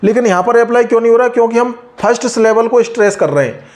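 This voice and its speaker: A man teaching an English grammar lesson, patiently explaining rules and slowly repeating example words. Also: extremely high pitch, darkish tone.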